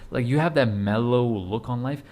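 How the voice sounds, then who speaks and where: At a moderate pace, a man in his twenties with a mid-range, slightly mellow voice talks to the camera as a fitness vlogger. His motivational chat is casual yet urgent, blunt and repetitive, with casual profanity.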